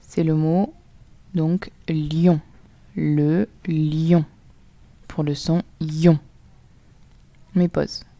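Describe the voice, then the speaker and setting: Slow, soft-spoken French teacher woman. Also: low-pitched, level tone, no room sound. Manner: slow, clear, spelling sounds out letter by letter. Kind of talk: recorded phonics lesson for children.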